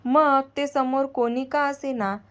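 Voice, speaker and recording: A woman's voice: high-pitched, fairly even intonation, slow. Woman reading as a hot-tempered young nephew. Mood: earnest.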